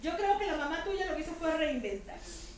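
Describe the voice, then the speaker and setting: A high-pitched woman preaches to a women's group in a chatty, humorous way, checking in with her listeners through rhetorical questions. Her voice rings around an echoey church room, with a faint murmur of ambience underneath. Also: big pitch swings, fairly quick, a little hiss or hum. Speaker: women's ministry speaker. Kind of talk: conversational sermon to a women's group.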